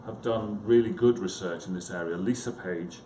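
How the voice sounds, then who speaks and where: Speaking in a low, dark voice at normal speed, a male psychiatrist gives a relaxed conference presentation. He hedges, runs himself down, and chats informally with those listening. The recording comes from an echoey indoor conference room with noticeable background noise.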